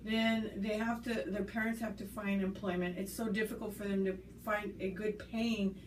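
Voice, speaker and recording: A woman born in the United States, a school staff member, responds in a conversational interview with a mid-range voice at normal speed and little pitch movement. Her tone is earnest and thoughtful, with fillers and restarts. The recording has a roomy, distant-mic sound and faint background noise.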